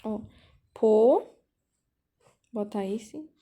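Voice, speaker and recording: A woman teaching a language class over a video call, explaining slowly and patiently, repeating key points and checking in with the students. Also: mid-range voice, warm tone. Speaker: volunteer teacher.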